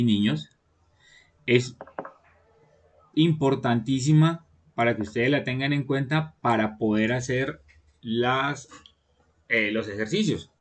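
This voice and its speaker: A man, teaching an online class to children, patiently explaining and often checking that they follow. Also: mid-range voice. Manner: patient, repeats "¿listo?" to check understanding.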